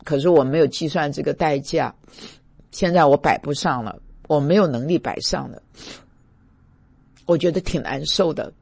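A man's voice: a little high, normal speed, gravelly, long pauses, breathy edge, no room sound. A man from Taiwan, a pastor giving an emotional devotional talk, stammering and plaintive.

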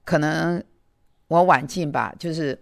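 A lay preacher in her sixties gives a testimony sermon, telling a personal story conversationally with lots of fillers and repeated words. She has a deep voice with vocal fry and a measured pace, captured in a dry, clean studio recording.

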